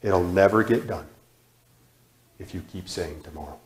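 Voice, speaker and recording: A man in his thirties preaching a sermon in a church sanctuary, repeating phrases with emphasis and sudden drops to a hush. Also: sits low, normal speed. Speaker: guest preacher. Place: church sanctuary, large indoor room. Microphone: far camera, room mic. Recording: echoey church hall.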